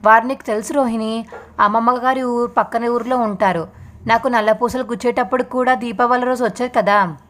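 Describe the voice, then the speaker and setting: A woman's voice: fairly high pitch, fairly even intonation, fairly quick, fairly bright tone. A woman vlogger recapping a TV serial in a plain storytelling manner. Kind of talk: casual episode recap narration.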